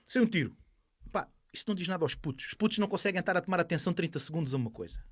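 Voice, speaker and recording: A man's voice: sits high, expressive, rapid-fire, husky, no room sound, studio quality. A man in his thirties with an Alentejo Portuguese accent, talking casually as a podcast guest and explaining things colloquially with examples. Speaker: podcast guest, sport shooter. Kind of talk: casual interview talk. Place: small foam-padded podcast studio. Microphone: close studio podcast microphone.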